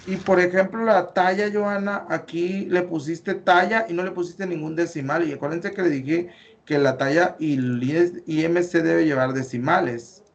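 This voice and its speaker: Mexican male teacher, slightly high voice, explains slowly, lots of fillers. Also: steady tone, gravelly, muffled recording. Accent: Mexican Spanish. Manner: explains step by step, corrects patiently, many fillers. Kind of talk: online class, reviewing student data.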